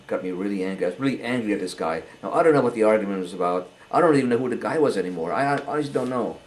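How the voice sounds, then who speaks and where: An older man giving a halting, earnest personal testimony, often repeating words as he goes. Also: on the low side, animated, rough recording. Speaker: interviewee.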